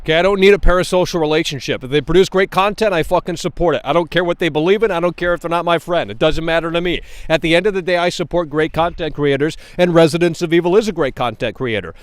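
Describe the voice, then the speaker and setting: A man's voice: fairly high pitch, fast talker, few pauses, clear, resonant tone, no echo. A man hosting a livestream, giving casual, opinionated game commentary in an exasperated, blunt and sweary way. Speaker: livestream host.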